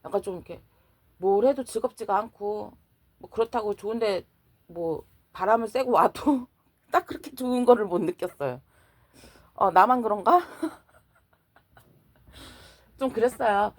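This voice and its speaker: Woman, church deaconess, casual faith testimony, lively swooping pitch, chatty and laughing, dry close sound. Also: normal speed, long pauses, no echo. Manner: chatty, laughs often, acts out her own prayers.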